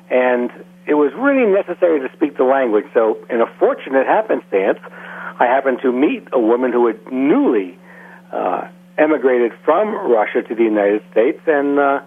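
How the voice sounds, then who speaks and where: A man explaining language matters as a guest in a casual radio interview, measured and full of small fillers. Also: medium pitch. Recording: phone-like, husky radio line.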